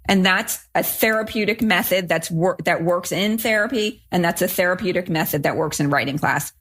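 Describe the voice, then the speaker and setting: A woman's voice: on the low side, normal speed, a bit bright. A woman co-hosting a podcast, talking casually and emphatically about a student's story, often restarting sentences. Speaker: podcast co-host.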